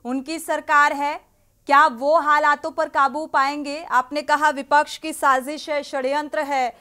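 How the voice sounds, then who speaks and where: A woman's voice: high-pitched, little pitch movement, measured pace, pushed and bright. Pressing woman anchor moderating a debate. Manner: pressing, questioning.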